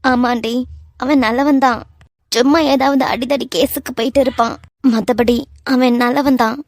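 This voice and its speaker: A woman voicing a worried, quiet young woman with a Kanyakumari Tamil accent, in a cartoon love story. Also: on the high side, fairly even intonation, normal speed, dry recording, clean studio sound, lightly acted. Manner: quiet, hesitant. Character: worried young woman, timid but fair.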